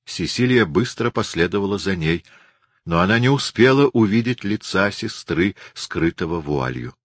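Deep voiced guy reading an audiobook, very lively delivery, dry close sound. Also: dry recording. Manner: expressive, measured storytelling. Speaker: audiobook narrator. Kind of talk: scripted narration of a novel.

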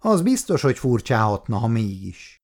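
A man voicing a kind, weary old man in a wheelchair in an audiobook, speaking calmly and gently. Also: mid-range voice. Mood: gentle.

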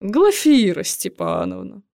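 A woman's voice: on the low side, measured pace, vocal fry, dry recording, clean studio sound, heavily acted. A woman doing a cheeky young orderly. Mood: wheedling. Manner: hushed urgency, wheedling when flattering.

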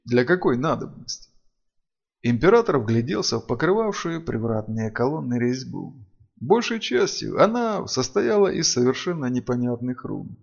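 Guy reading an audiobook, sing-songy and gravelly, lo-fi sound. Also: mid-range voice, sing-song, normal speed. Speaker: narrator. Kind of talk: audiobook narration.

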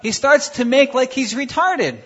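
A preacher giving a sermon in English, pausing for an interpreter, acting out the story with animated voices. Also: sits high, muffled recording, slight background noise. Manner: animated, acts out the story with stutters and shouts.

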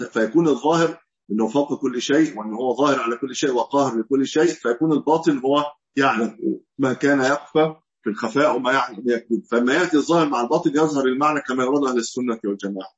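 Fast-talking Egyptian man teaching. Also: medium pitch, highs cut off. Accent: Egyptian Arabic. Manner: reasons aloud, posing and answering his own questions. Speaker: Islamic scholar teaching hadith. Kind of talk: religious lesson.

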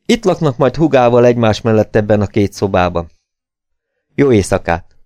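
A man's voice: lowish voice, lively intonation, a little mellow, no echo, lightly acted. A man voicing a stern, curt male plantation manager who speaks in a cold, businesslike way.

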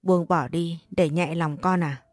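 A woman's voice: fairly low pitch, steady tone, a little slow, a little mellow, dry recording, faint music behind. A woman reading the lines of a stern middle-aged father in a narrated story. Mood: grave.

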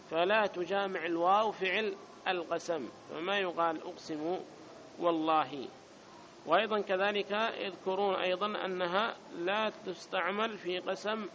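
The teacher's voice sits high with a fairly bright tone as he works through an Arabic grammar lesson, repeating points and checking comprehension. Audio is dull, with slight noise behind him.

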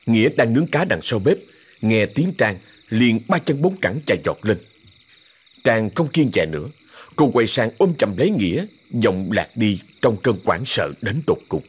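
A man narrating a ghost story in a dramatic, expressive way. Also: lowish voice, normal speed, husky.

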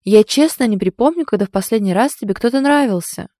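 A woman voicing an excitable teasing girlfriend. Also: fast talker, no room sound, studio quality, close to an everyday voice. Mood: excited. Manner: loud, high and exclamatory. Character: teasing, excitable young woman best friend. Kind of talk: audiobook character voice.

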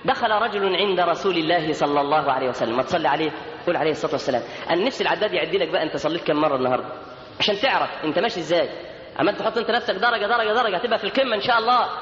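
A man's voice: high-pitched, rapid-fire, fairly bright tone, slight background noise. A man with an Egyptian Arabic accent preaching a sermon in an emphatic way, sometimes chanting lines of verse. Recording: echoey lo-fi hall recording.

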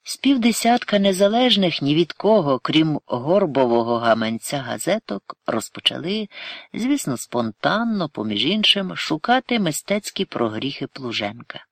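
A man narrating a novel in a steady, measured audiobook reading. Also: medium pitch, creaky, dry recording.

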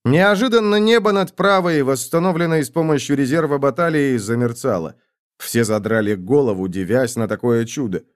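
A man reading a fantasy audiobook aloud, voicing all the characters himself and shouting their battle orders. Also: medium pitch, normal speed. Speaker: audiobook narrator.

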